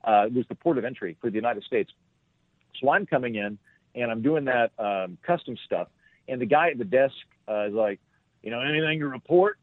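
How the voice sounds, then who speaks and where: A man's voice: mid-range voice, fairly quick, no echo. A male comedian telling a rambling, self-deprecating story as a podcast guest, on a tinny, dry phone-like line.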